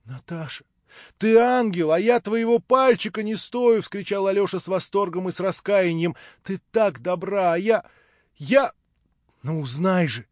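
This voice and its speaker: A gushing, impulsive young man, talking high and loud with excited outbursts, as a male reader does the part. The recording is dull and dry. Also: normal speed, no room sound, lightly acted. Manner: gushing, effusive.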